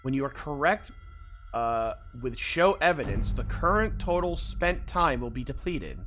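A streamer talks through a video game in a casual, playful way, reading on-screen text and muttering to himself with animated, playful exclamations. The voice is medium in pitch and unhurried, with game music playing behind it.

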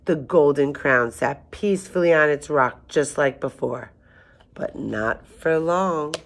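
A woman with a low voice reads a children's story aloud, then chats with her young listeners in a friendly, easy way. She is the host of the read-aloud.

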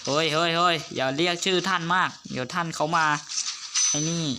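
A man giving casual gaming commentary, excitable and teasing, with loud outbursts and swearing. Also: fairly high pitch, a little fast. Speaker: gamer and video host. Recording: noisy home recording.

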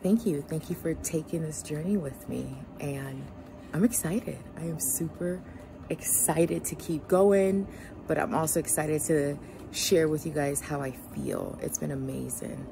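Low, creaky-voiced woman in an ice bath. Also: measured pace, background noise. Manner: speaking while sitting in an ice bath. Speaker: vlogger addressing followers. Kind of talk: casual, heartfelt talk to camera.

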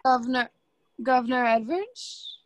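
A young woman performs in a radio play as a scheming, haughty society hostess, taunting and condescending in a cold, demanding way. Her voice is a little high and natural, delivered at a measured pace with no echo.

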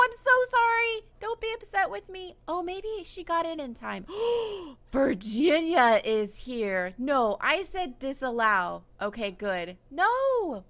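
A woman giving casual let's-play commentary on a video game, excitable and exclamatory, laughing often. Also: very high voice. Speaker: gaming YouTuber.

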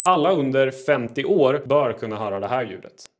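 A man presenting fast quiz and fact clips for social media, with quick, punchy delivery and deadpan pun jokes. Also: medium pitch. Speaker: TikTok creator.

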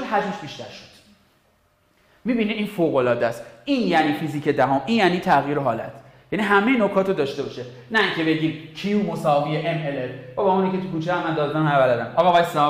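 A man teaching a physics exam-prep lesson with emphatic energy, repeating words and swinging between loud and soft. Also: high-pitched. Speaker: physics tutor. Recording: very echoey room.

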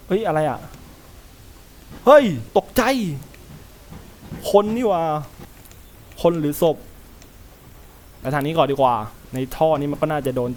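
A man's voice: fairly high pitch, dark tone, a little hiss or hum. A man commenting as he plays a horror game, talking to himself and yelping when startled. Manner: jumpy, talks to himself, yelps when startled. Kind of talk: gameplay commentary.

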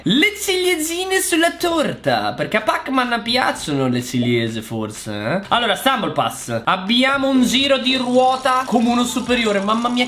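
Talking straight to his audience, this Italian-accented man chats through his gameplay as a gaming YouTuber, sounding exasperated. His voice is high-pitched and slightly bright.

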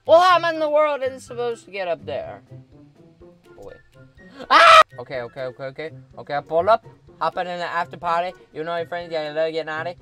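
Excitable young man yelling at a game. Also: a little high, fast, faint music behind. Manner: excitable, yelps and shouts at the game; slangy, calls out "bro" a lot. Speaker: gaming video creator. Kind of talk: excited gameplay commentary.

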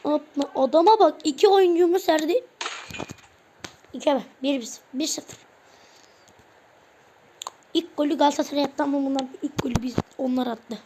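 A woman's voice: high voice, normal speed, pauses often, noisy background. A woman giving casual play-by-play commentary on her own football video game match, firing off player names in short bursts and grumbling when plays go wrong. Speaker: gaming channel host. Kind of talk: casual live gameplay commentary.

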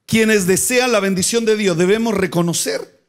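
A pastor delivers a sermon in a notably high voice. He poses question after question to his congregation. He drives his points home with bursts of repeated words. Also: normal speed. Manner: preaching with rising emphatic bursts and repeated words.

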